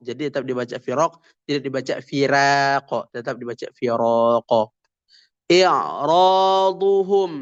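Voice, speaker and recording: A man teaching tajwid recitation rules, explaining each rule and then slowly and emphatically reciting the example words. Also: medium pitch, lo-fi sound.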